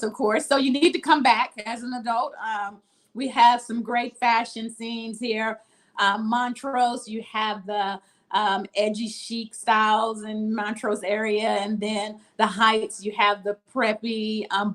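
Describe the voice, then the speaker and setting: A woman's voice: on the high side, little pitch movement, unhurried, a bit bright. A woman from Mississippi, a boutique owner, talking casually in an interview over a video call with frequent ums.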